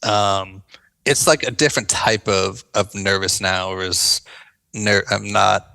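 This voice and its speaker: An American man speaks as an interview guest, thoughtful and earnest. His voice sits low yet has a bright, forceful edge, and his speech is loose and casual, full of "like" and "you know" as he works his way to each point. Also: steady tone, measured pace, vocal fry. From United States. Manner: earnest and reflective, many fillers like "like" and "you know". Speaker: guest, veteran turned actor.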